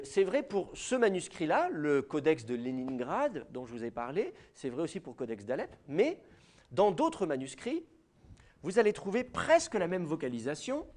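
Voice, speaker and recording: Lively French lecturer, man. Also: sits high. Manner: lively, explanatory, speaks to students directly with many fillers. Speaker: university lecturer. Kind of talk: classroom lecture.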